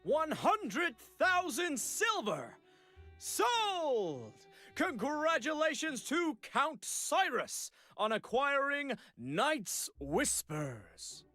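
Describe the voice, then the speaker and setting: Showy banquet auctioneer, high voice, lively sing-song calls, game music under. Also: male voice, no echo, full character voice. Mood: announcing. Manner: announcing, drawn-out, theatrical. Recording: game audio with music behind.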